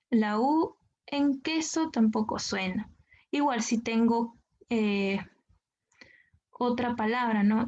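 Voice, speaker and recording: A woman's voice: on the high side, darkish tone. A woman teacher with a Peruvian accent explaining a lesson patiently, checking with "¿no?" after each point. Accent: Peruvian Spanish. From Peru. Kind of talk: explaining grammar to students. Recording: dull lo-fi sound.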